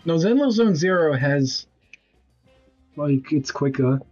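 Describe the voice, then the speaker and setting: A man's voice: fairly high pitch, animated, slow pace, darkish tone, highs cut off, faint music behind. A man in his twenties streaming a video game, talking casually with blunt, rambling commentary and casual swearing. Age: 20s.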